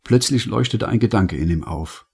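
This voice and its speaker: A man narrating an audiobook in a calm, measured storytelling manner. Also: lowish voice, vocal fry, slightly rough. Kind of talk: scripted narration.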